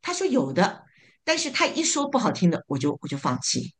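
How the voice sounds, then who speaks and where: A woman's voice: fairly low pitch, huge pitch swings. Hesitant woman sharing in church group. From living in North America. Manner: halting, many fillers and repeated words. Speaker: church small group member giving a summary.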